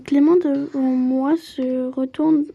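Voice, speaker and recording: High, mellow-voiced woman narrating a game. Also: fairly even intonation, takes it slowly, gravelly, highs cut off. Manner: chatty asides mixed with story narration. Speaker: player and narrator of a story game. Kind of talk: casual playthrough with read-aloud narration.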